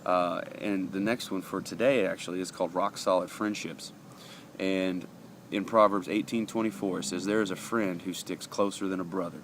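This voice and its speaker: This very low-voiced man talks through his daily devotional in an earnest, chatty way, reading passages aloud and stopping frequently on fillers. His intonation is fairly even, his pace moderate and his tone fairly bright, though allergies make him a bit sniffly. Traffic hums faintly in the background.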